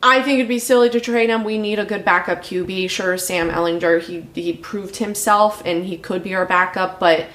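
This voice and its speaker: A woman's voice: mid-range voice, fairly even intonation, moderate pace, few pauses, a bit bright. A woman co-hosting a casual sports podcast, rambling and self-mocking as she talks through her team's preseason. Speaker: podcast co-host. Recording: echoey room.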